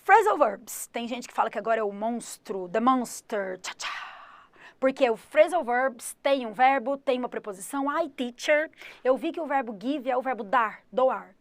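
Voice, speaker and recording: Brazilian english teacher lady, high voice, lively, dry close mic, flips between english examples and explaining. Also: moderate pace, no room sound. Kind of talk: exam-prep English lesson.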